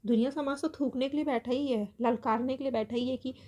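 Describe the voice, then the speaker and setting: Hosting a reaction video about a family controversy, a woman offers earnest opinion commentary to her viewers, repeating phrases for emphasis. Her voice is high-pitched and warm, with a steady tone and a slightly fast pace.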